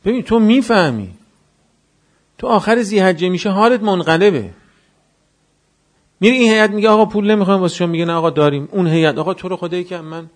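Impassioned high-voiced male preacher. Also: vocal fry. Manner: swings from soft confiding murmur to loud impassioned rebuke; chants Quranic verse slowly. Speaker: cleric. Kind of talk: sermon.

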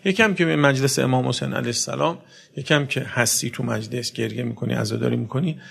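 Male preacher, gravelly voice, sermon, loud bursts then hushed passages. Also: steady tone. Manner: swings between loud emphatic outbursts and soft low passages; addresses listeners directly with rhetorical questions. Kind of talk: religious sermon.

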